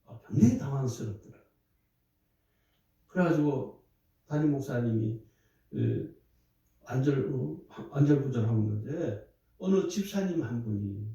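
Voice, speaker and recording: Korean pastor preaching in an echoey hall. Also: male voice, mid-range voice, vocal fry, mellow, recorded from a distance. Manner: storytelling, conversational with rising emphatic bursts. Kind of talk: sermon.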